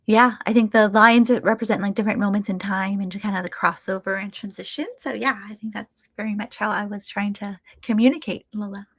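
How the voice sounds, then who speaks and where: A Vietnamese American artist from the United States, guesting on a casual webinar via video call, talks in a reflective way with frequent fillers and restarts. Her medium-pitched voice stays steady and fairly quick, with few pauses, and there's no echo.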